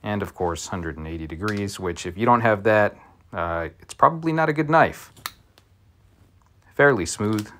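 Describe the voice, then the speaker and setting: A fairly low-pitched man talks through a casual tool review. He keeps it relaxed and slips in wry, joking asides as he goes. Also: moderate pace.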